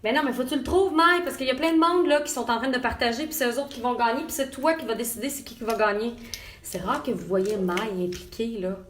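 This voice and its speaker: A woman's voice: fairly high pitch, fast, a little hiss or hum. A woman with a Québécois accent, a makeup artist, chatting while she does a live makeup tutorial from a hotel room and greeting viewers by name. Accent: Québécois French.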